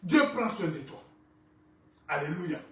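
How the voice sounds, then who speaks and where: A male pastor preaching a sermon, rising to shouts and falling quiet, with Lingala phrases mixed in. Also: fairly high pitch, expressive, unhurried. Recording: echoey church from far off.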